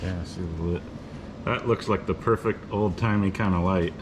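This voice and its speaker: An upbeat young man with a somewhat low voice chats and comments during a model railroad setup. The home-video sound carries steady background noise. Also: moderate pace. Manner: upbeat, commenting, asks questions. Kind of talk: casual chat on a hobby video. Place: garage and train room, indoors. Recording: noisy home video audio.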